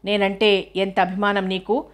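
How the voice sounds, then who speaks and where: A woman voicing a frail, bedridden old uncle with a hoarse, heavy voice in an audiobook. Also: medium pitch, flat delivery, lightly acted. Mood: grateful. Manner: weak, slow, grateful. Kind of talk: audiobook dialogue reading.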